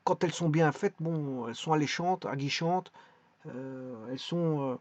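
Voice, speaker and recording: A man's voice: on the high side, moderate pace, a little mellow. Hesitant French man rambling in a vlog. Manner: hesitant, many restarts and repeated words. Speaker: vlogger presenting a website.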